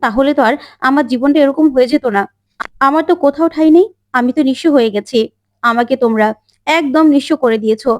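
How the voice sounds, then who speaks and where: A woman's voice: high voice, fairly quick, no echo, clean studio sound, natural voice. A woman voicing a young daughter who defiantly accuses her family of ruining her life. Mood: bitter. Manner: accusing, pleading.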